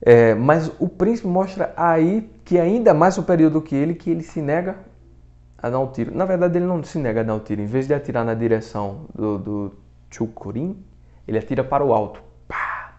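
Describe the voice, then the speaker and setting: A man with a Brazilian Portuguese accent hosts a literature podcast, casually retelling a novel's plot in colloquial language sprinkled with swearing. His voice is a little high, animated and somewhat fast with a dark tone, captured on a dull, muffled lo-fi recording.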